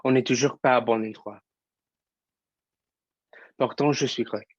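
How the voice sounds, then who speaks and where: A man's voice: mid-range voice, steady tone, a little slow, breathy edge, dry recording. A young man plays a restless, angry young actor in a theatre monologue. His delivery is impassioned and builds in force. The sound is dry and muffled. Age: young adult. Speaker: student actor.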